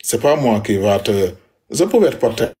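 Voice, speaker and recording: A man's voice: medium pitch, big pitch swings, normal speed, mellow. A man, speaking to his wife in an emphatic, repetitive, aggrieved way. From Senegal. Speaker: husband addressing his wife. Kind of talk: heated personal address.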